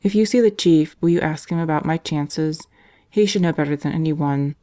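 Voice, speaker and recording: A woman voicing a calm, devout male prisoner whose letters are gentle and resigned. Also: deep voice, normal speed, natural voice. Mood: earnest.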